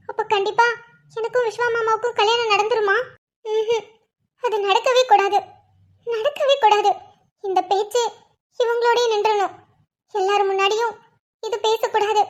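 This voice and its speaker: A woman voicing a worried young college girl in a cartoon, thinking aloud in an anxious inner monologue. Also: very high voice. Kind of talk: cartoon voice acting.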